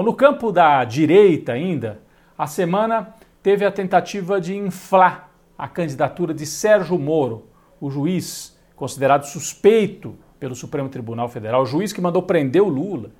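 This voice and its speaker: A man's voice: fairly high pitch, a little mellow. A Brazilian man with a Brazilian Portuguese accent giving opinionated political news commentary, with sardonic asides.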